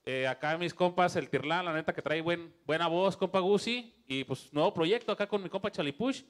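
A Mexican man hosting a comedy talk show, his voice pitched high and pushed loud. He rattles off guest shout-outs with constant hype, keeping the energy up. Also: a little fast. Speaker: show host.

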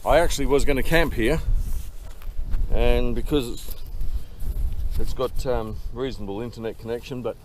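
A man's voice: mid-range voice, normal speed. A man in his sixties with a broad New Zealand accent, rambling casually to camera outdoors, laid-back and drily humorous, swearing freely. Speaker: solo bicycle touring vlogger. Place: outdoors in open bushland. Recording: outdoor noise with insects.

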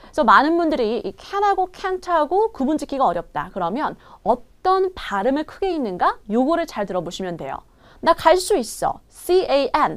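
A woman teaching English pronunciation in an online lesson, repeating short English phrases slowly for learners to copy. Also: high-pitched.

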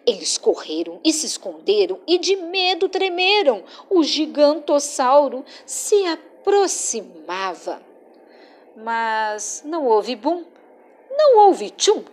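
A woman reading a children's picture book aloud in an expressive, sing-song way. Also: high voice, slow. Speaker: children's storyteller.

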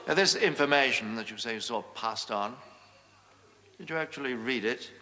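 An actor playing a shrewd male defense barrister in a period film, questioning a witness with mock politeness that rises to loud demands. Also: mid-range voice, moderate pace, natural voice. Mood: probing.

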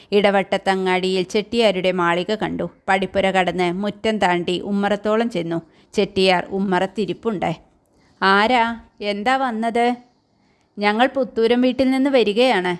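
A woman reading a novel chapter aloud in steady, measured storytelling. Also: medium pitch, clear, resonant tone. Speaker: narrator. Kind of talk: scripted narration of a novel chapter.

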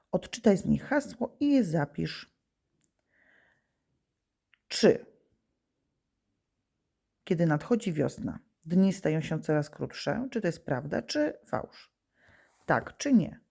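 Her voice is lowish, creaky and mellow as this primary school teacher teaches young pupils remotely. Patiently, she puts questions to them and supplies the answers on her own.

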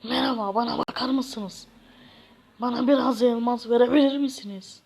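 A woman's voice: a little high, fairly even intonation, normal speed, a little mellow. A woman voicing a poor, self-pitying young man in a game parody, sighing and complaining. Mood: gloomy complaining. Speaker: content creator. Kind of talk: game parody role-play.

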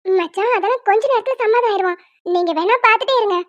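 A bossy, sensible young wife, voiced by a woman in a cartoon, always scolding and lecturing. Her voice is extremely high and squeaky. The recording sounds dull and lo-fi. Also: fast, dry recording. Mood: reassuring. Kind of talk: cartoon voice acting.

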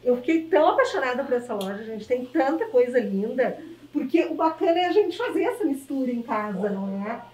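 A bubbly woman TV host with a Gaúcho accent and a bright, high voice, gushing and chatty, constantly checking in with "né?". She sounds a bit away from the mic, in an echoey shop. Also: expressive, a little fast, far from the mic. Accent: Gaúcho Brazilian Portuguese. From southern Brazil. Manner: effusive, chatty, keeps asking "né?". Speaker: TV show host. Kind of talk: enthusiastic on-location interview. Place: inside a small shop.

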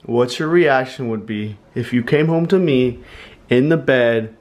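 A man's voice: mid-range voice, a little slow, darkish tone. A young man in casual, slangy banter with his partner at home. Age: young adult. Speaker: vlogger's partner. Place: living room at home.

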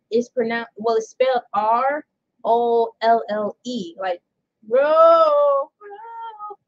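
Slightly high and a little mellow, this woman's voice comes through a muffled recording. She's casually vlogging indoors under bright lights, rambling, laughing frequently and reading an article aloud.

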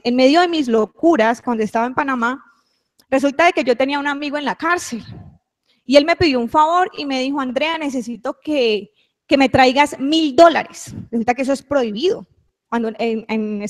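A woman giving an emotional, confessional testimony in a church service. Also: high voice. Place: church hall. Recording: long hall reverb.

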